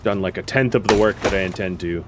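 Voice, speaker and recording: A man's voice: deep voice, quick pace, noisy background. A man giving casual, wry gameplay commentary as a streamer, thinking aloud with fillers. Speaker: gaming streamer.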